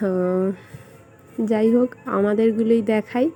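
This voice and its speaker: A young woman vlogger chatting casually and speaking softly at home so her sleeping son stays asleep. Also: on the high side, little pitch movement, unhurried. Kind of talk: casual vlog chat. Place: at home indoors. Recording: home recording with music playing nearby. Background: fair music playing nearby.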